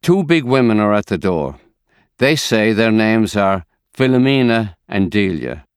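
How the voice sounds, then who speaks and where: A man reading a story aloud in a calm, measured way. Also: lowish voice, clean tone, no room sound, studio quality. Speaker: narrator.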